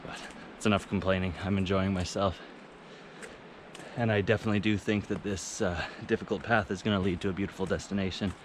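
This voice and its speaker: A man's voice: low voice, steady tone. Breathless man vlogging on a trail. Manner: chatty, laid-back, self-mocking. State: out of breath while climbing. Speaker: travel vlogger. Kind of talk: casual vlog talk to camera. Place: outdoors on a mountain trail near a waterfall. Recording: loud rushing waterfall noise outdoors.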